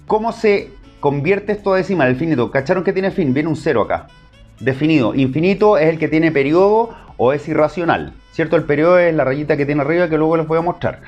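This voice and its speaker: A man's voice: on the high side, a little mellow, dull audio. A man with a Chilean accent teaching an online math class, explaining step by step and checking in with short questions.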